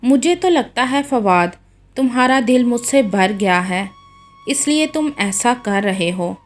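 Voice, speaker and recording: A woman's voice: a little high, expressive, unhurried, soft background music. A woman voicing a young wife, pleading and accusing in a read-aloud story. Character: young wife, jealous and heartbroken.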